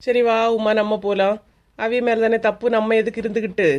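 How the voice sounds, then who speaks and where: A woman with a Kanyakumari Tamil accent voicing a young village woman who calmly teases and reassures her scared companion. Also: a little high, a little fast, close to an everyday voice. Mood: teasing. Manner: calm, sly, teasing.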